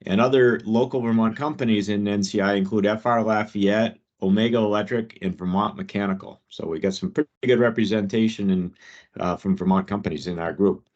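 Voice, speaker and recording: A man's voice: lowish voice, steady tone, a little fast, darkish tone. A man presenting updates informally as host of a work meeting on a video call. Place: online meeting. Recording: dull, lo-fi video call audio.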